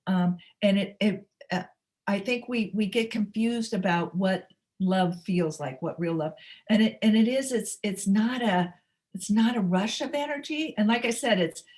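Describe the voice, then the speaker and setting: A middle-aged woman hosting a spiritual webinar, talking unscripted in a soft, halting way with many fillers and restarts. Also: medium pitch. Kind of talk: unscripted teaching talk. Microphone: webinar microphone.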